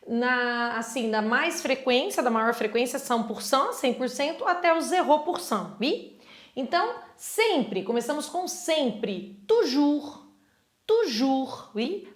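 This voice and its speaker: Lively Brazilian woman teaching French. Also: sits high, reverberant. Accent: Brazilian Portuguese. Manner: lively, chatty, switches often into French phrases. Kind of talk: casual online language lesson.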